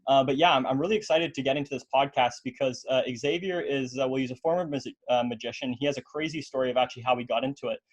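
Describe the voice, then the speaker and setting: Fast-talking eager podcast host, man. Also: medium pitch, muffled recording. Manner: filler-heavy, repeats words, eager. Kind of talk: casual interview.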